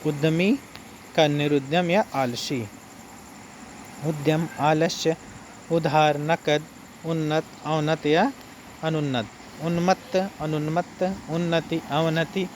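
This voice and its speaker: A man teaching an exam-prep lesson, reading out word pairs slowly and adding brief explanations. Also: a little high, steady tone, slight background noise.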